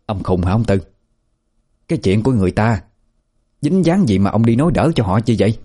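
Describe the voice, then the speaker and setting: A man voicing a sharp-tongued older village wife who scolds and nags. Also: on the low side, big pitch swings, husky. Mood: scolding. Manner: scolding, rapid nagging.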